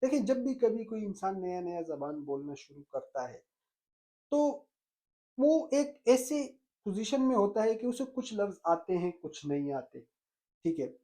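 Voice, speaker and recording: A man giving a spoken language lesson, earnestly explaining and repeating key phrases slowly to his students. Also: high-pitched, sing-song, dark tone. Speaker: language teacher.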